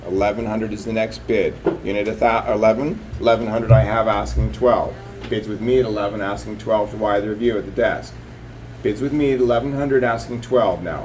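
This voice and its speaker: A man's voice: lowish voice, darkish tone, slight background noise, rough recording. A man working as a live auctioneer, calling bids and increments in repetitive, clipped patter.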